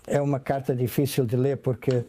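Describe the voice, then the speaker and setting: A man's voice: medium pitch, level tone, fairly quick, mellow, a little hiss or hum. A man speaking in a documentary voice-over.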